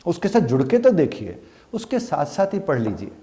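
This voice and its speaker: Guy teaching english pronunciation, mellow tone, earnest, slows right down to model phrases. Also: on the high side, wildly swooping pitch. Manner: earnest, asks students questions and answers them himself. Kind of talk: spoken English pronunciation lesson.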